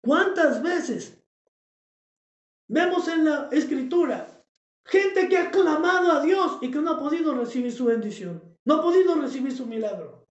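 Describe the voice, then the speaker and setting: A male pastor, preaching a sermon with passion, shouting for emphasis and repeating his phrases. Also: very high voice, lively intonation, a little slow, roomy sound, dull audio.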